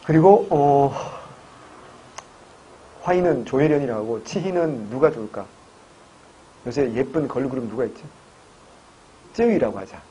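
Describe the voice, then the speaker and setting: A man's voice: mid-range voice, animated, measured pace, pauses often, mellow, muffled recording, slight background noise. A man teaching history for exam prep, telling jokey stories and firing rhetorical questions at his students. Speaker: history lecturer.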